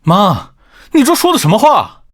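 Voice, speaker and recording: A man's voice: high-pitched, wildly swooping pitch, moderate pace, fairly bright tone, heavily acted. An actor playing a spineless, self-serving young husband who sides with his wife, urgent and whiny, in a melodramatic short drama. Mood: reproachful.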